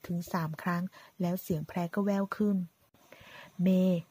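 A woman narrating a drama story in a steady storytelling voice, voicing every part herself. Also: lowish voice, a little fast, breathy edge, no echo. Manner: reads all parts in one voice, quoting lines with light shifts.

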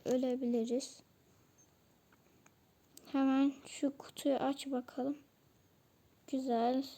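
A high-pitched gamer voice that talks slowly and unhurriedly. The tone is mellow and soft rather than bright. It keeps up a chatty running commentary for viewers, grumbling now and then about the gear. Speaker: mobile game player and channel host. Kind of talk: casual gameplay commentary.

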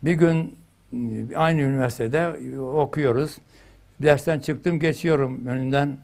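An older man teaching a religious lesson, telling stories with lively energy and loudly chanting phrases for emphasis. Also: medium pitch, unhurried, gravelly.

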